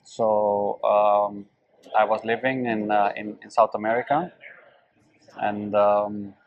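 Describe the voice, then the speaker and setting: A man from the Netherlands, answering interview questions hesitantly and filling his pauses with "um.". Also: lowish voice, little pitch movement, no room sound, phone-quality sound. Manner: hesitant, many fillers. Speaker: guest, event volunteer.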